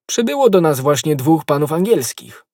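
A man's voice: fairly high pitch, big pitch swings, moderate pace, darkish tone, slightly rough, no echo, clean studio sound, voice pushed up. A man voicing a frightened innkeeper in an audiobook, talking in an anxious, pleading way. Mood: distressed. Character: frightened male innkeeper, wringing his hands. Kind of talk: audiobook role.

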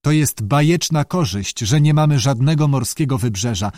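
A man's voice: medium pitch, lively intonation, moderate pace, darkish tone, dry recording, clean studio sound, close to an everyday voice. A male audiobook reader voicing a stubborn old father who scolds his son and later grows shaken and afraid. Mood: dismissive. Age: older. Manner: scolding, dismissive, later shaky and fearful. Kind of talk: audiobook character voice.

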